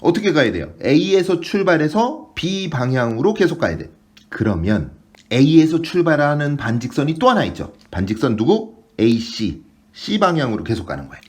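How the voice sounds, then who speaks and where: A man teaching a math lesson online, asking short questions and answering them himself. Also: on the high side. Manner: quick question-and-answer explaining.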